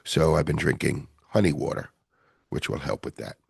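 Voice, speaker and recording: A man hosting a podcast in casual chat, rambling and self-deprecating, with a gravelly voice. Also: very deep voice, moderate pace, no room sound, studio quality. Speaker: podcast host.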